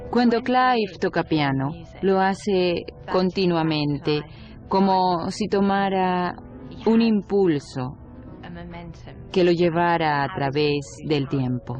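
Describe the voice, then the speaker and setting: A woman with a lowish, slightly mellow voice speaks slowly over music, the audio sounding dull. She dubs the part of a devoted middle-aged wife in a documentary interview, earnest and tender.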